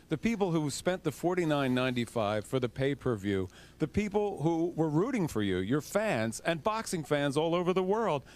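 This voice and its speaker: Brief: ringside interviewer, man, slightly high voice, pressing questions. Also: darkish tone. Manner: pointed, probing questions. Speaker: post-fight interviewer. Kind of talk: broadcast interview.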